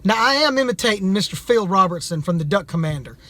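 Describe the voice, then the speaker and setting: A man's voice: sits high, lively intonation, fast, very noisy. A man speaking in a plain, folksy way as he gives a casual, slightly hesitant product demonstration. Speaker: amateur duck hunter reviewing calls.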